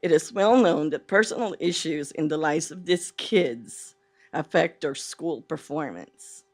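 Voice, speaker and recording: A nervous woman giving public comment, speaking earnestly and haltingly with a mouth half numb from the dentist. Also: sits low. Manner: halting, earnest, with pauses mid-phrase. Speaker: public speaker at a school board meeting.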